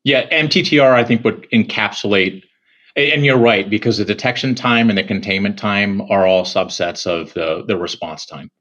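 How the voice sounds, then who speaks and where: Male guest, security executive, low voice, measured and reflective, muffled remote-call audio. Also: fairly bright tone. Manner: measured, thinking aloud with fillers. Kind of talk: casual interview answers.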